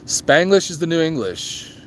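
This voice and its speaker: This motorcycle vlog host's voice is on the high side, very animated and a little slow, with slight hiss or hum. He grew up as an Army child who moved around, and he chats casually with viewers, answering live chat questions with plenty of ums and restarts.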